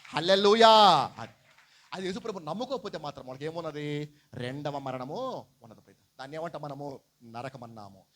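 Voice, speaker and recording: Male pastor, high voice, storytelling sermon with rhetorical questions and acted-out quotes. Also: lively intonation, fairly quick. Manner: preaches with rhetorical questions and fond asides to listeners; acts out quoted people mid-story.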